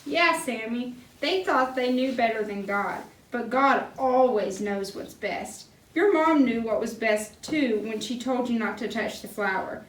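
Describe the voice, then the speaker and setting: A woman voicing a kind grown-up friend in a church puppet skit, speaking in a gentle teaching tone. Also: on the high side, a little slow, few pauses, slight background noise, close to an everyday voice. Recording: roomy hall, mic far off.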